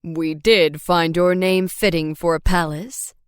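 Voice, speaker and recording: A woman voicing a warm, steady adoptive father who speaks in measured, gentle counsel, in an audiobook. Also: fairly low pitch, clear, resonant tone, dry recording, studio quality, pitched below the performer's own voice, lightly acted. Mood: fatherly. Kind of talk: audiobook character voice.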